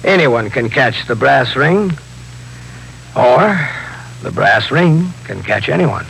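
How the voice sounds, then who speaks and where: An American actor playing a stern, plain-spoken New York police captain in a 1950s radio drama. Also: male voice, mid-range voice, lively intonation, slow pace, creaky, fairly bright tone, heavily acted. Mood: reflective. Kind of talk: 1950s radio drama acting and first-person narration. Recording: noisy 1950s radio broadcast recording.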